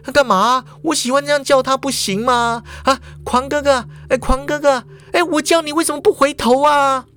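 A man voicing a clingy, quick-tempered young woman who pouts and whines. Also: very high-pitched, fairly even intonation, fairly bright tone, pitched above the performer's own voice. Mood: pouty. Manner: whiny, pouting.

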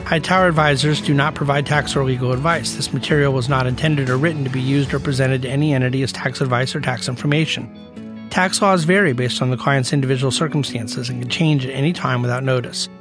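A male announcer reads a financial legal disclaimer at a brisk clip. His delivery stays level and businesslike throughout. Guitar music plays clearly behind him. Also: mid-range voice. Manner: even, fast read of legal text. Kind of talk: rapid scripted legal disclaimer read.

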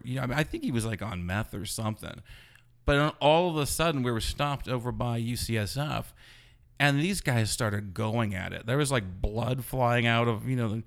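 A man of average pitch tells a story in a loose, animated way and leans on "you know" again and again. He is a blogger being interviewed, and he speaks casually. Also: creaky. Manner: rambling, animated retelling full of "you know". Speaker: blogger guest.

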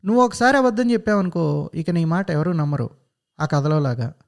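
A man's voice: fairly high pitch, fairly quick, creaky. A man voicing a father who sternly lectures his son about lying. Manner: lecturing, reasoning.

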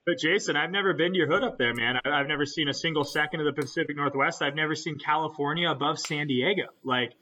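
Frat bro dude chatting, forceful bright voice, bit lo-fi, lots of slang and swearing. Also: male voice, a little high, fast, few pauses. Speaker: podcast guest, endurance cyclist. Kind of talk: casual chat.

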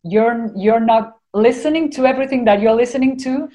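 A woman with an Argentinian accent, appearing as a podcast guest, speaks casually and earnestly about her spiritual life, rambling and sprinkling in "you know". Her voice is on the high side and warm, and she talks fairly quickly.

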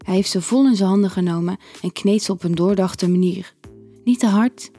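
A woman reading a first-person story aloud in an intimate, unhurried way. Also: mid-range voice, warm tone, husky, faint music behind. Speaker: narrator. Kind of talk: scripted story narration.

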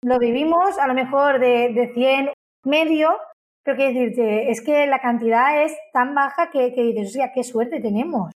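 A woman with a high voice talks in an interview about the company she runs. She is enthusiastic and keeps repeating words as she goes. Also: moderate pace. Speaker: business owner.

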